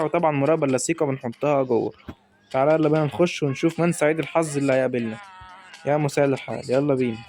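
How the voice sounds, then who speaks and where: Here the Egyptian YouTuber's voice is a little high with a darkish tone. He's still commentating on a football game with plenty of hype, shouting to the on-screen players as the match unfolds live.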